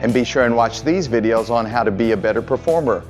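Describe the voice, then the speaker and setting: A man's voice: medium pitch, fast talker, faint music behind. A man hosting an instructional video, narrating from a script in plain, encouraging explainer style. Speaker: host of tutorial videos for performers.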